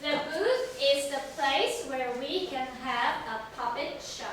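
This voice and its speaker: This woman has a high, slightly bright voice with lively intonation, and she talks slowly while leading an English lesson for a young class. She keeps her phrasing simple, using questions, repetition, and encouraging praise. The mic sits far away in an echoey classroom, so the sound is very reverberant with a little faint noise.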